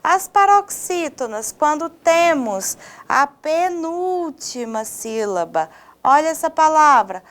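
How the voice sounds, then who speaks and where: A Brazilian woman teaching a recorded lesson to her students. Her voice is high and she speaks slowly and deliberately, stressing each word. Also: big pitch swings, fairly bright tone. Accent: Brazilian Portuguese. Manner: slow, clearly stressed didactic delivery addressing students. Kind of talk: scripted video lesson.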